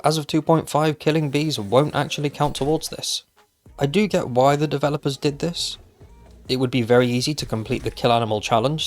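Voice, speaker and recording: A man hosts a scripted gaming countdown, reading out tips one item after another. His delivery is explanatory, with casual asides slipped in, and his voice sits at an average pitch. Music plays behind the narration. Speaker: gaming video host.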